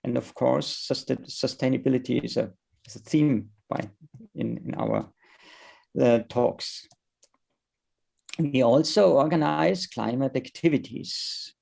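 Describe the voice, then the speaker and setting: A man with a German accent giving a conference presentation in English, halting and searching for words as he goes. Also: medium pitch, very animated, gravelly, a little mellow. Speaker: conference speaker.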